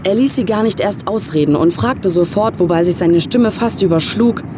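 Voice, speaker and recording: A woman's voice: fairly low pitch, a little fast, noisy background. A woman narrating a horror short story with tense, atmospheric storytelling. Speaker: story reader.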